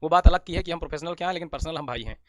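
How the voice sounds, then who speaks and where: A man's voice: on the high side, very fast. A man teaching at a coaching class who speaks insistently to his students, reassuring them and urging them to keep studying. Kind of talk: emotional appeal to students.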